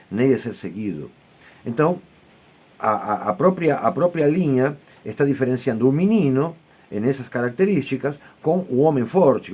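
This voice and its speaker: Measured man teaching in a lecture. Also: medium pitch, a little mellow. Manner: measured, often ends points with tag questions. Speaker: I Ching teacher. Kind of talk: explanatory lecture.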